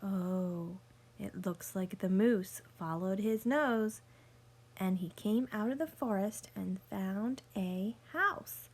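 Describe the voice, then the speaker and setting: A woman at medium pitch reads a picture book aloud the way a teacher would, speaking deliberately to young listeners. She explains things as she goes, mixing storytelling with teaching asides.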